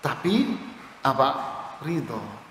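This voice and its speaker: A man preaching to a congregation, telling stories and acting out both sides of short conversations. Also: medium pitch. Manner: lively storytelling, acts out dialogue, slow and emphatic. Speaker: Islamic preacher. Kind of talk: sermon. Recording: echoey hall with faint noise.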